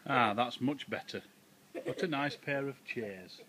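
A man's voice: mid-range voice, a little slow, crowd noise. A man filming his children at home by a garden barbecue, teasing them and mock-scolding their messy eating. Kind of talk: home video banter. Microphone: handheld camera. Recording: noisy home camera recording.

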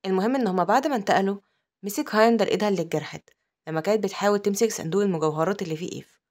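A woman with an Egyptian accent narrating a comic-story recap, with quick asides. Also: mid-range voice, a little mellow. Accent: Egyptian Arabic. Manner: rapid, breathless storytelling with asides.

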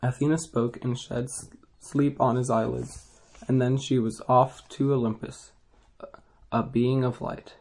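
A man's voice: mid-range voice, level tone, gravelly, darkish tone. A man reading an ancient epic poem aloud in an unpolished way, often stumbling and correcting himself mid-phrase. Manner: halting, with frequent restarts and self-corrections. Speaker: reader.

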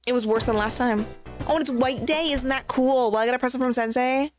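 A woman chatting through a dating game in casual let's-play commentary, excitable and crude, with playful swearing. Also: high voice, brisk. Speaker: streamer playing a dating game. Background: game music.

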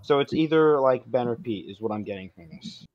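A man's voice: mid-range voice, expressive, fairly quick, dull audio. A young man in a casual gaming voice chat who keeps asking probing questions and reasons things out aloud. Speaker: gamer.

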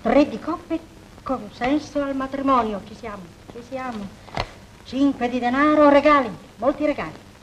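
A woman's voice: high-pitched, normal speed, a little hiss or hum, close to an everyday voice, poor audio. An actress playing a fussy, doting mother in a 1940s film, who soothes and fusses. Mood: fortune-telling.

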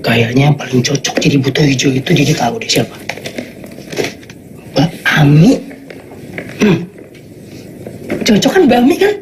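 A tender, easily flustered father at home, coaxing and pleading with his little girl. His voice sits a little high and swings about lively. A faint hiss lies behind it. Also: moderate pace, pauses often. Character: playful stay-at-home father, loving, flustered.

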